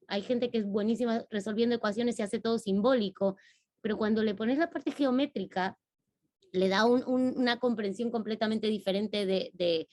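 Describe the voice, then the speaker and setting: A woman's voice: medium pitch, a little mellow. A woman math educator in a casual online discussion, thinking aloud with frequent restarts. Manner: thoughtful, searching for words with many restarts.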